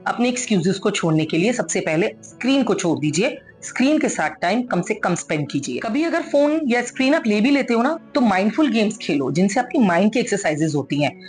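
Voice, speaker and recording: Woman, motivational speaker, earnest coaxing delivery, medium pitch, faint music underneath. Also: sing-song, brisk, few pauses, darkish tone. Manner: earnest and coaxing, mixes English into Hindi. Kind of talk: motivational talk.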